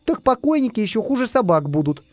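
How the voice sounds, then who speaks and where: A man's voice: high-pitched, very animated, moderate pace, a little mellow, lo-fi sound, soft background music, voice pushed up. A man voicing a cowardly, boastful male spy and robber in a whiny, squealing way. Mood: bragging.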